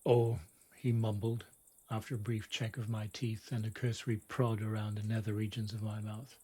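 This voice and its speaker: A middle-aged man reads a scripted bedtime story with a wry, dramatic, deliberate approach but a flat delivery. His voice is husky and warm, fairly low in pitch, and often drops into a whisper.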